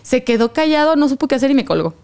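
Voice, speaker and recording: A young woman with a Mexican Spanish accent telling a personal story in casual chat, animated and slangy, acting out what people said. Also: sits high, quick pace. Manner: animated, slangy, acts out quoted lines.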